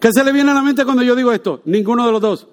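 A man preaching a lively sermon, joking with and quizzing his congregation. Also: very high voice, fast talker. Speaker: pastor.

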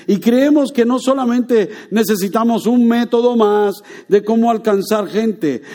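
A man preaching a lively sermon, joking with and quizzing his congregation. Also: extremely high pitch. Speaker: pastor.

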